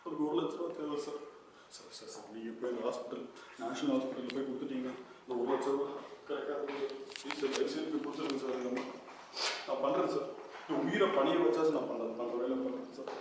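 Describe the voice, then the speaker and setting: A man's voice: mid-range voice, quick pace, noisy background, natural voice. A young man acting in a short film, pleading with a caller again and again in a frightened voice. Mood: desperate. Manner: pleading, frightened, repeats sir. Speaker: young man caught in a phone threat. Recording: echoey distant sound with music.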